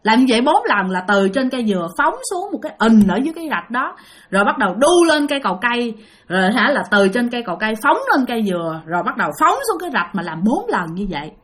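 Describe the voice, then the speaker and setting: In a chatty ghost story told straight to her listeners, a woman speaks fast in a sing-song voice that runs on the high side and sounds a bit bright.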